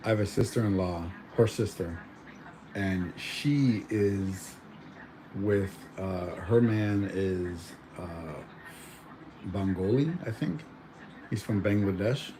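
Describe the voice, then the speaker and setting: At home, a young vlogger born in Mexico rambles through a casual chat full of fillers and false starts. He speaks slowly in a low voice, with background noise present.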